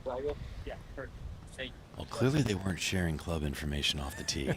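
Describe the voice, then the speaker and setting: A man's voice: deep voice, big pitch swings, moderate pace, crowd noise. A man hosting and giving live golf commentary as a broadcast commentator.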